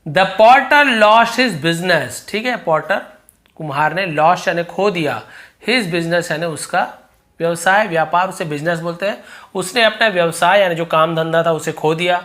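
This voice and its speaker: A teacher reads English story sentences slowly, then explains them word by word in a chatty, repetitive way. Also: medium pitch, fairly bright tone. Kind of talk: line-by-line translation lesson.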